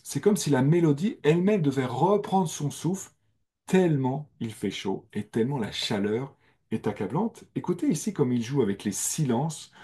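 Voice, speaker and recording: Mellow-voiced man teaching music. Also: mid-range voice, breathy edge. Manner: slow, careful explanations over recorded music. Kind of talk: spoken music lesson.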